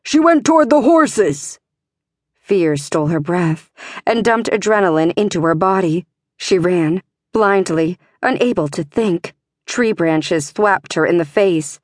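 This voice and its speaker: A woman reads a fantasy audiobook in a measured, tense narration. Her voice sits on the low side, and she takes her time. The studio sound is dry and close to the mic. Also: dry recording.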